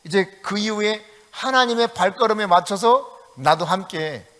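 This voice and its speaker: A man's voice: sits high, animated, normal speed, a bit bright, long reverb tail. A middle-aged male pastor from South Korea preaching at an evening prayer meeting, acting out prayers and quoted speech with rising emphasis and laughing often.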